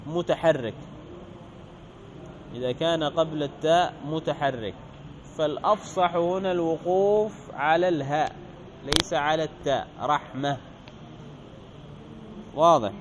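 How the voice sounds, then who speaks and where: A male teacher reading a grammar text aloud and explaining it, asking the class questions and slowing down to stress example words. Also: fairly high pitch, a little hiss or hum.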